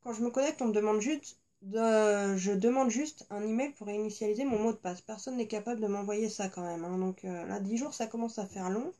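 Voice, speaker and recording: A woman's voice: medium pitch, a little fast, hardly any pauses, mellow. A woman beauty vlogger chatting frankly about her makeup purchases, with many fillers. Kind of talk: casual chat.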